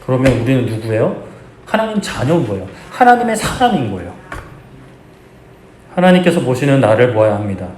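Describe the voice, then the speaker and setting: A man's voice: mid-range voice, big pitch swings, fairly quick, long pauses, a little mellow. A male pastor preaching a sermon in an earnest, exhorting way, with conversational asides to the congregation. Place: church sanctuary. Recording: echoey church hall, faint background hum.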